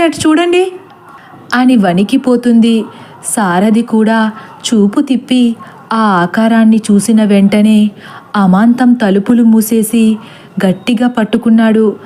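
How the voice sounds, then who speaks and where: A woman reading a horror story aloud in a steady, suspenseful way. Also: on the high side, slow pace. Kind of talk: scripted horror story narration.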